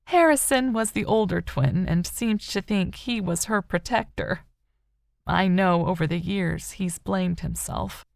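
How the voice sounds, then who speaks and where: In an audiobook, a woman narrator voices an older mother who is grieving and wistful but still hopeful, speaking softly, sorrowfully, and tenderly. Her lowish, gravelly voice is unhurried, recorded in studio quality with no room sound.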